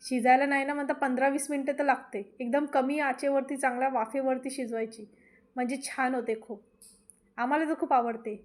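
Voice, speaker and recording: A woman's voice: high-pitched, fairly even intonation, fairly quick. A woman hosting a home cooking vlog, chatting homely and straight to her viewers in a casual voice-over. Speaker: cooking channel host.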